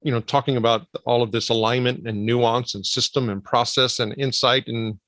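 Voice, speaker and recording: A man hosting a podcast interview, asking long, winding, measured questions. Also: medium pitch, steady tone, a bit bright, no room sound. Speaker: podcast host. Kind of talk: casual interview conversation.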